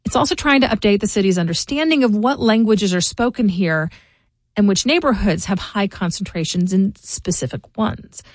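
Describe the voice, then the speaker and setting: The host of a local news podcast, a middle-aged woman, delivers scripted commentary in an informative, measured style. Her medium-pitched voice has lively intonation, and the recording is close and dry, without any room sound.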